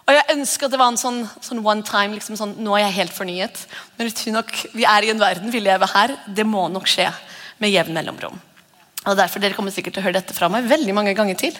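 A woman's voice: medium pitch, a bit bright. A woman pastor giving a conversational sermon and acting out whispered voices. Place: church hall. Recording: long church reverb.

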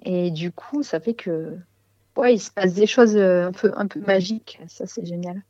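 A woman's voice: lowish voice, normal speed, mellow, no room sound, lo-fi sound. A woman answering as a musician in a casual interview, hesitantly searching for words.

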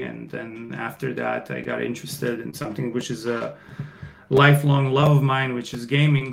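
A man from Croatia in his thirties, a podcast guest talking casually about his startup, with many fillers and pauses. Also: mid-range voice, creaky, a little hiss or hum, low-quality recording. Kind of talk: casual interview answers.

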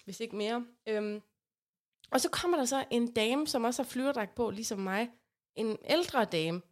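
Woman, casual storytelling, animated, laughs a lot, fairly high voice.

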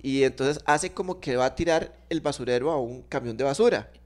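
A man's voice: mid-range voice, a little fast. A young Costa Rican man chatting casually on a podcast, telling a rambling story with restarts and little sound effects. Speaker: podcast co-host. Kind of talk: casual chat.

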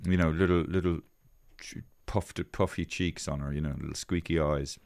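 A man with a very low voice hosts a relaxed podcast chat at the microphone. He rambles, restarting sentences and repeating words as he goes. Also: normal speed, vocal fry, no room sound, clean studio sound. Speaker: podcast host. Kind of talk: casual chat.

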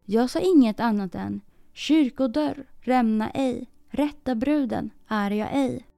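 A woman voicing a steadfast, humble young maiden in a storybook reading, speaking calmly in sing-song rhymes. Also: fairly high pitch, vocal fry, no echo, clean studio sound, soft background music. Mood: rhyming.

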